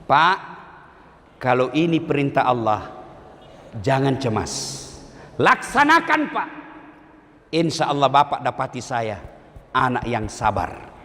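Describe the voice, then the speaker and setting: A man voicing a devout young son who calmly reassures his father, in an echoey hall. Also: medium pitch, takes it slowly, long pauses, a little hiss or hum, heavily acted. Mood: reassuring.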